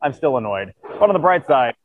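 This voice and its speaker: A man's voice: mid-range voice, sing-song, a little fast. Podcast host, male, tired, voice fading, lo-fi muffled recording, earnest rambling. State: tired, voice wearing out. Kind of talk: casual chat. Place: at a convention.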